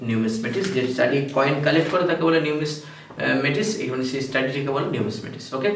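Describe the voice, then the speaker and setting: A man's voice: medium pitch, far from the mic. Bengali-accented male teacher in an echoey room. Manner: reads English definitions slowly, then explains briskly and quizzes. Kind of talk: exam-prep vocabulary lesson. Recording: echoey room, voice off-mic, faint hiss.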